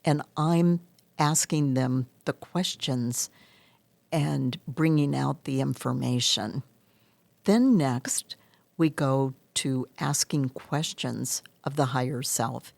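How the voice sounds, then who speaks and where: Slow, low-voiced woman explaining her hypnosis practice. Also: vocal fry, darkish tone, no room sound. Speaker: hypnotherapist interview guest. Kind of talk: interview answers, explanatory storytelling.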